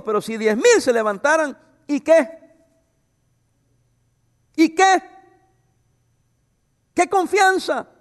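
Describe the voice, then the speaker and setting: Man, pastor mid-sermon, high voice, expressive delivery, long hall echo. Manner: expressive preaching with asides. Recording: reverberant hall.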